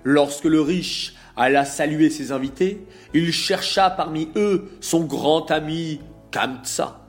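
A man narrating a religious story in a measured, expressive reading voice. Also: a little high. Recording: faint music behind.

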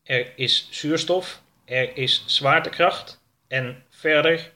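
A man voicing a know-it-all male spaceship computer in a storybook reading, speaking slowly and evenly. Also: fairly high pitch. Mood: measured. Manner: slow, measured, flat.

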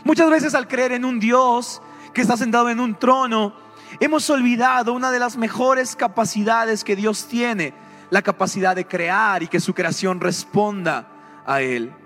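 A man preaches with a high, lively voice, firing questions at his congregation. Soft music plays faintly behind him. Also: a little slow, long reverb tail. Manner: animated, asks the congregation questions. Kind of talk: sermon.

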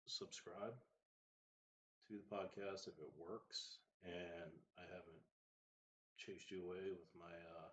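A man, an emergency doctor, introducing his podcast in a casual, halting way, his voice muffled by a sore throat. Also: deep voice, level tone, a bit bright, slight background noise. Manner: halting, many fillers. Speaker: emergency physician hosting a podcast.

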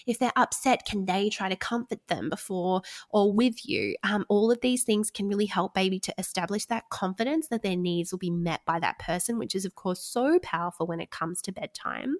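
A woman's voice: medium pitch, animated, moderate pace, hardly any pauses. A woman in her thirties co-hosting a podcast, chatting casually and giving advice to parents as a sleep consultant, with frequent "um"s and laughs.

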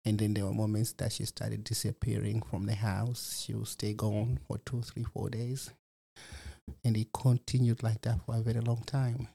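Reflective and leaning on fillers such as "you know," this man from Malawi recounts his life as the program's resident guest in a testimony-style interview. He speaks at a moderate pace in a lowish, flat voice that is warm, with vocal fry and a breathy edge.

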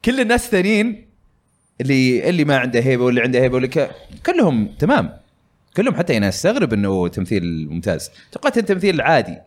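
A man's voice: mid-range voice, big pitch swings, racing. A man hosting a casual gaming podcast, talking in a rambling way with many fillers. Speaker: podcast host.

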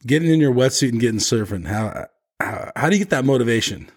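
Male host, informal and upbeat, middle pitch with lively swings in intonation. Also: fast talker, husky. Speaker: podcast host. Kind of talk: casual interviewing.

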